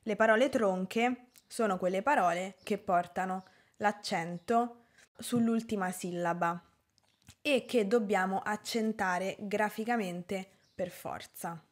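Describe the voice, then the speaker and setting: A woman from Italy teaching a language lesson at an unhurried pace. She lays out each example word with careful, deliberate pronunciation, in a mid-range voice. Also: medium pitch. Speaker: Italian teacher. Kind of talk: slow, clear language lesson.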